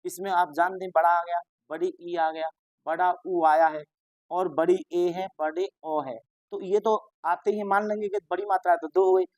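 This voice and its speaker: A man's voice: sits high, steady tone, normal speed, no echo. Patient male teacher, dry close sound. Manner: patient, repeats reminders, asks and answers own questions. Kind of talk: Hindi exam-prep lesson.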